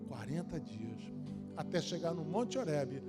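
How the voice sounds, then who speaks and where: A pastor preaching a sermon with emphatic repetition, swinging between quiet, intimate asides and loud, rising exhortation. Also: male voice, a little high, big pitch swings, unhurried, over loud music.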